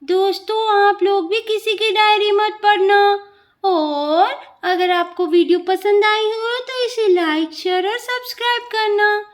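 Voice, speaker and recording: Very high-voiced woman telling a kids story. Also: slow pace. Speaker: storyteller of a doll channel. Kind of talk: scripted narration for children.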